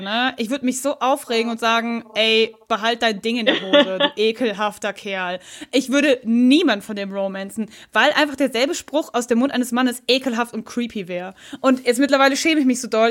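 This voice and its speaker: A young woman in casual podcast chat, telling animated stories and laughing often. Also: fairly high pitch. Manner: animated storytelling, imitates voices, laughs often. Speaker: podcast guest.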